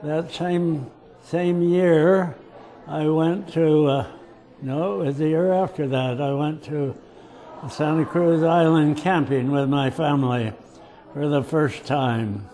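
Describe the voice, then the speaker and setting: Older man, slow halting storyteller, clears throat, mellow tone. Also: a little high. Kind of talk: casual storytelling.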